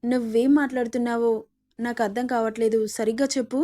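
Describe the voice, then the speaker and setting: A woman's voice: on the high side, steady tone, a little fast, dark tone, lightly acted. A woman voicing a young kidnapped woman who demands answers, confused and defiant.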